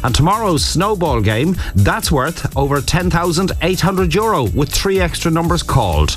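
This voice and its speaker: An Irish man working as a radio bingo caller, reading out numbers digit by digit in measured phrases and making announcements. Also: a little high, big pitch swings. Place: radio studio. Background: music bed.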